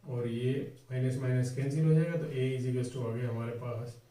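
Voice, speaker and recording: A man's voice: mid-range voice, normal speed, dark tone. A man teaching a step-by-step board exam math tutorial, asking questions and answering them himself. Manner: talks through each step, asking and answering his own questions. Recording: echoey room, voice from far off.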